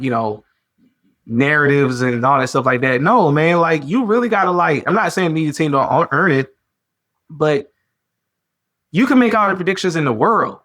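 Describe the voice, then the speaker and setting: A man hosting a sports podcast, talking in a casual, animated way with slang and lots of repetition. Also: fairly high pitch. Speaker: podcast host.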